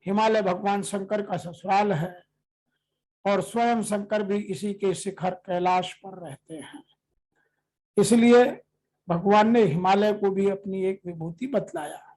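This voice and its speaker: A scripture teacher, reading verses slowly and then explaining them in a steady, measured commentary. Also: medium pitch, low-quality recording.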